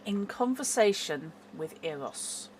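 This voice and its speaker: A woman's voice: mid-range voice, lively intonation, slow pace, a little mellow, poor audio. A woman acting as game master, narrating and chatting casually in a tabletop game on an online call. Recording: faint background noise.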